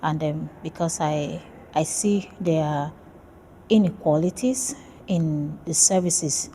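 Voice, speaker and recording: A woman's voice: deep voice, slow, mellow, a little hiss or hum. A woman from Nigeria, a PhD student, talking about her research in a casual interview, friendly and hesitant with many fillers.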